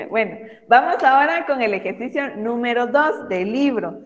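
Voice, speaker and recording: A woman's voice: fairly high pitch, expressive. Patient woman teaching kids online, reverberant. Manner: patient, slow and emphatic when reading words aloud; affectionate toward pupils. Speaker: primary school teacher. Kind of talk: online class for young children. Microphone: video call.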